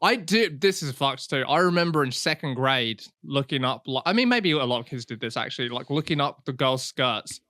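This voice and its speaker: A man's voice: mid-range voice, expressive, sharp tone, no room sound. A man co-hosting a crude comedy podcast, joking and laughing freely. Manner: bawdy, quick to laugh, jokey. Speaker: podcast co-host.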